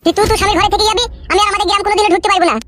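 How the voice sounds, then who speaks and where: A woman voicing a shrill, squabbling village husband. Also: steady tone, noisy background. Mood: accusing. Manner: rapid, pleading and quarrelsome. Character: poor young village husband, defensive and crude. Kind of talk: comic cartoon dialogue. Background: light music.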